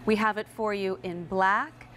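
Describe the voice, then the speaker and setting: An American woman, middle-aged, presenting a chatty sales pitch as a home shopping host. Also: fairly even intonation, a little slow, fairly bright tone, slight background noise. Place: kitchen set in a TV studio.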